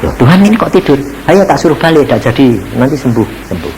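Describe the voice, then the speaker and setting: A middle-aged male pastor giving a testimony sermon, telling his story in a lively way and acting out the voices of the people in it. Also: mid-range voice, fast, a little hiss or hum, rough recording. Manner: animated storytelling, acts out quoted voices, addresses audience as "saudara".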